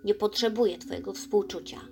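A woman's voice: mid-range voice, fairly even intonation, fairly quick, creaky, warm tone, soft background music, natural voice. A woman voicing a proud, vain young female elf in a children's storybook, speaking boastfully. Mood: haughty. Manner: boastful and haughty, then tearful.

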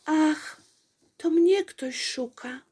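A woman's voice: on the high side, takes it slowly, darkish tone, husky, pitched above the performer's own voice. A woman voicing a fussy little princess who frets and exclaims breathlessly. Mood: delighted. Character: fussy little princess girl, easily worried.

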